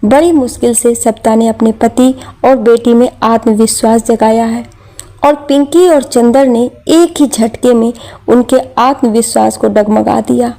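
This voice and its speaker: A woman's voice: fairly high pitch, fairly even intonation, unhurried, mellow. A woman telling a family drama story in scripted narration, reading every character's lines in her own voice.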